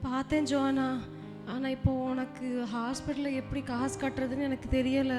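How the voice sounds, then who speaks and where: A woman doing a careless, boastful young husband in a church stage skit, loud and exclaiming. The voice sits high, and a long hall echo hangs behind it. Soft music runs underneath. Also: level tone, moderate pace, natural voice. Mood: despairing. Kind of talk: amateur church skit acting. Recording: echoey hall with background music.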